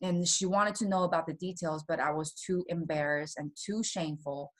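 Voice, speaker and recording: A woman from Taiwan, a guest in an interview, telling her personal story in a soft voice with nervous little laughs. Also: low-pitched, fairly even intonation, moderate pace. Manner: soft-spoken, laughs nervously between painful memories.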